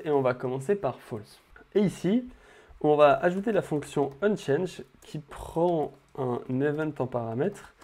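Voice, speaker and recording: A man's voice: medium pitch, dark tone. A young man walking viewers through building an interface in a casual screen-recorded coding tutorial, talking straight to the viewer with frequent fillers.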